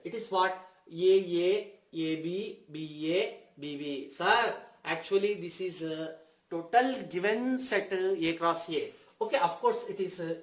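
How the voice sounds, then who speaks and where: A man with a high-pitched voice teaches a class at the board. He dictates slowly, phrase by phrase, often repeating himself. The room rings with echo around his words. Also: fairly bright tone. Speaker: mathematics teacher. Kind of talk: board lesson for senior school students. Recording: echoey room sound.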